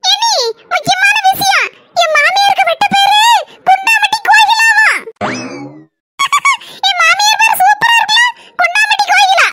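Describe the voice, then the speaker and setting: A woman voicing a sharp-tongued young daughter-in-law with a Kanyakumari Tamil accent, talking in a shrill, sarcastic, teasing way. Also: fast, music in the background. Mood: mocking. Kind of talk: cartoon voice acting.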